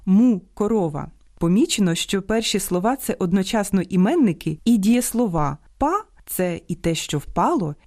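Lively, warm-voiced woman radio presenter. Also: medium pitch. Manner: clear, didactic, deliberately slowed word lists. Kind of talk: scripted educational radio narration.

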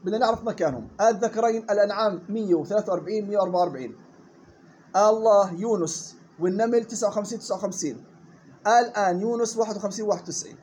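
A man teaching Quran recitation rules. He models the words slowly and quizzes his students. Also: sits high, darkish tone, slight background noise. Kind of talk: tajweed lesson.

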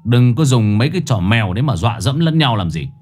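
A man's voice: mid-range voice, very animated, fast talker, a little mellow, soft background music, lightly acted. A man voicing a blunt, defiant young exorcist in a spoken horror story. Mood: firm. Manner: blunt, firm.

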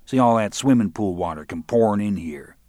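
A man's voice: on the low side, animated, brisk, dark tone, dry recording, clean studio sound, natural voice. A man voicing a crude, boastful middle-aged swamp guide with a drawl and profane talk.

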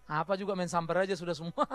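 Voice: mid-range voice, steady tone, quick pace, a bit bright, no room sound. A pastor preaching a sermon in a chatty, humorous way, often laughing while talking. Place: church.

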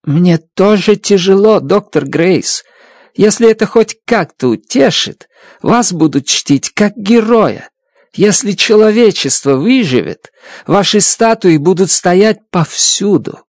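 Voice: medium pitch, animated, takes it slowly, no echo, clean studio sound, voice pushed up. A reader voicing a stern, domineering woman mission chief who barks orders in an audiobook. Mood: coolly firm. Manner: shouting, harsh and domineering. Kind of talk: audiobook character voice.

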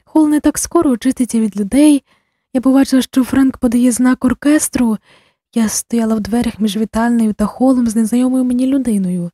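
A woman narrating an audiobook in a measured, expressive way. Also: a little high, slightly rough, dry recording, clean studio sound.

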